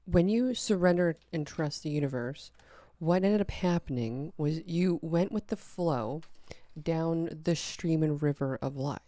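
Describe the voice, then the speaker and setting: Low-voiced woman giving a chatty tarot reading. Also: unhurried, no room sound, studio quality. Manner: chatty, animated, sings out snippets. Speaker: tarot reader.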